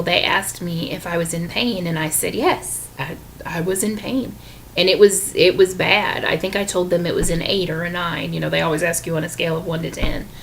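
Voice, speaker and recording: A woman with a lowish, gravelly voice tells her own story to camera, candid and unpolished, pausing often to restart her sentences. A faint hiss sits under her voice. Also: fairly bright tone, low-quality recording. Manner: candid, with frequent ums and restarts. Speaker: vlogger sharing her illness story.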